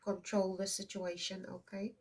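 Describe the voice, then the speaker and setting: Recorded from afar, this tarot reader speaks at normal speed with a medium pitch that barely moves. She is an Afrikaans-speaking South African in her fifties, rambling casually through an intuitive card reading and checking in with "okay?" again and again.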